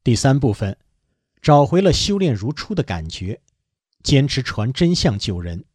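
A man giving an earnest, measured read-aloud of a first-person account. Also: mid-range voice, very animated, a little mellow, breathy edge, no echo.

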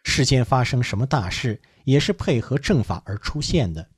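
A man giving an earnest, measured read-aloud of a first-person account. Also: mid-range voice, animated, breathy edge, no room sound, studio quality.

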